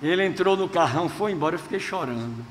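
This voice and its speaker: High-voiced preacher man in a big hall. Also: expressive, fast talker. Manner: storytelling preacher, shifting from hushed to shouting. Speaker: pastor. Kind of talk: sermon. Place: large church hall. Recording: long hall reverb, faint noise.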